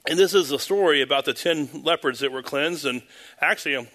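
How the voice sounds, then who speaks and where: This pastor's voice is fairly high, fairly quick, bright and forceful as he leads a church service at the pulpit microphone. He prays with fervor and preaches, repeating words and pausing on ums along the way.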